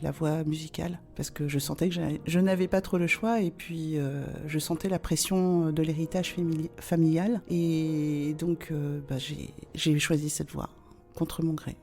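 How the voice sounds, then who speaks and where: A French woman in her forties, telling her story as a podcast guest, pausing often with fillers and restarts. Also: sits low, steady tone, dark tone. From France. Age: 40s. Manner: hesitant, many fillers and restarts. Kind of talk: podcast interview.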